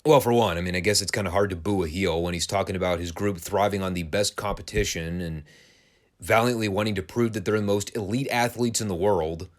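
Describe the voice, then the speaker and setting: A man's voice: sits low, fairly quick. A man hosting a wrestling podcast, giving a casual, sarcastic and crude play-by-play review of an old broadcast. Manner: sarcastic, crude, dry humor.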